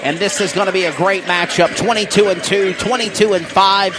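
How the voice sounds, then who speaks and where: Male play-by-play host for a pregame show, very high-pitched voice, clear gym noise behind. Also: fairly even intonation, fairly quick, crowd noise. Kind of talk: sports broadcast pregame hosting. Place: gymnasium.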